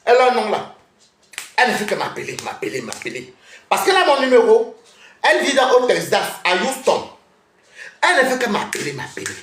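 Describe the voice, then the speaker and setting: A woman's voice: on the high side, sing-song, brisk, pauses often, roomy sound, a little hiss or hum. A woman streaming live from home, scolding and calling out a rival, often laughing mockingly. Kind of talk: heated live-stream rant.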